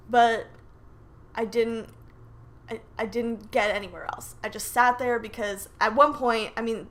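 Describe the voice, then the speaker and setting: A young woman, a podcast host, telling a dramatic story in a lively, casual way with many asides, from her apartment. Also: mid-range voice. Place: apartment living room with sliding door open.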